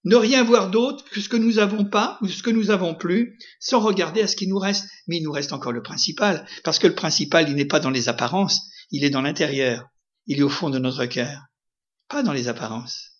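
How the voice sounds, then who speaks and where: A man with a fairly high voice preaches a sermon briskly in a conversational style, frequently asking his listeners questions and often saying "hein". The audio is dull.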